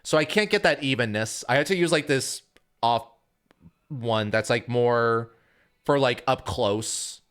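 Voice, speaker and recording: A man's voice: medium pitch, measured pace, clear, resonant tone. A young man casually chatting to his live-stream audience, rambling loosely with lots of filler words. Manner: relaxed rambling with many "like" fillers.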